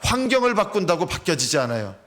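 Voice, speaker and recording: A male pastor preaching a sermon in a church sanctuary. His voice sits fairly high and moves in wide, lively swings. He keeps putting rhetorical questions to his listeners. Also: fast. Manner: asks the congregation rhetorical questions; animated preaching, acts out quotes.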